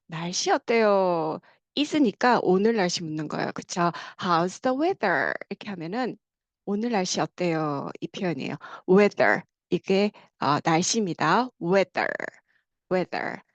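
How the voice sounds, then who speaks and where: A woman's voice: lowish voice, animated, no room sound, dull audio. A woman teaching an online English lesson, patiently explaining and drawing out each phrase for the class to repeat. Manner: slow, drawn-out drilling of English phrases; patient explaining, frequent checking questions. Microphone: close mic, muted class.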